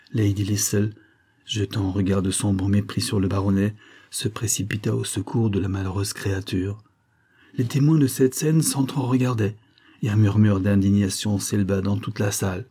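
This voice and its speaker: A man reads a classic novel aloud in steady, scripted narration. His voice sits low and sounds dark and mellow, with a husky grain. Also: moderate pace. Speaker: audiobook reader.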